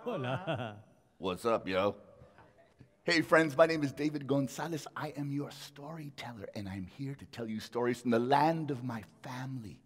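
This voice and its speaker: A man's voice: medium pitch, animated, normal speed. A man telling folk tales to a live audience, playful and dramatic, mixing Spanish phrases into his English. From New York City. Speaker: storyteller. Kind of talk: lively storytelling performance. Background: salsa music.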